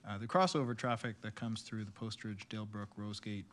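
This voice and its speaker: A male councillor making measured, hesitant remarks at a council meeting, with many fillers. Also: fairly low pitch, steady tone, fairly bright tone.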